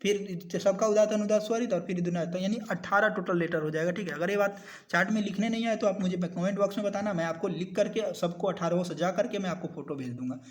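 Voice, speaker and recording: A male teacher giving a recorded lecture. He moves between two languages, asks the class questions, and slows right down to dictate definitions. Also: sits high. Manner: explains in a mix of two languages and keeps asking the class questions; ends points with a habitual "okay".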